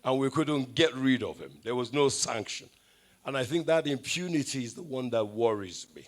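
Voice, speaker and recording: A man's voice: medium pitch, normal speed. Nigerian man giving a wry event speech. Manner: anecdotal, wry, switches into Pidgin asides. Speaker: event speaker. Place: event hall.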